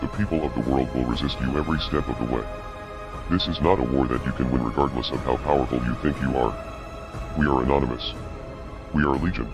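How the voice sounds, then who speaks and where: A man acting as an anonymous activist spokesperson reads a scripted statement in a disguised, pitched-down deep voice. He sounds cold, measured and ominous, with a steady tone. The audio is dull and lo-fi, with music behind him.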